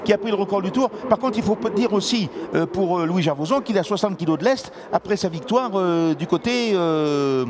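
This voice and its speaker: A male motorsport commentator with a high-pitched voice calls a live race. He exclaims and repeats short phrases as he follows the cars. Clear engine and track noise runs behind him. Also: lively intonation, brisk, few pauses. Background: outdoor race cars and track ambience.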